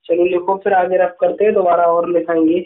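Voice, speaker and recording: A man's voice: high voice, little pitch movement. A man teaching an English grammar lesson, patiently dictating notes and checking in with "okay" as he goes. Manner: patient, repeats "ठीक है" and dictates slowly. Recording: echoey room over tinny phone-like line.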